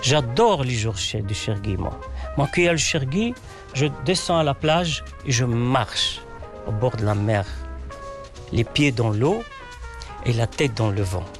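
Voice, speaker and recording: A man with a mid-range, expressive voice speaks a little slowly while music plays in the background. Arabic is his first language, and as a playwright guest in an interview he answers hesitantly, filling gaps with fillers and restarting often.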